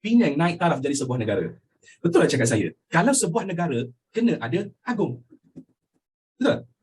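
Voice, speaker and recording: Animated Malaysian male history teacher. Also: a little high, fairly quick, husky. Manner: animated, asks students questions constantly, mixes in English phrases. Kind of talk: lively classroom lecture.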